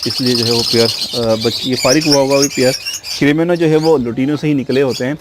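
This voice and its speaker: A man's voice: medium pitch, fairly even intonation, very noisy. A man giving an unscripted, filler-heavy walkthrough of his bird breeding setup outdoors, commenting casually as he goes. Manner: unscripted, says he talks fast, frequent fillers. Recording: loud bird chatter behind voice. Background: loud birds chirping and squawking.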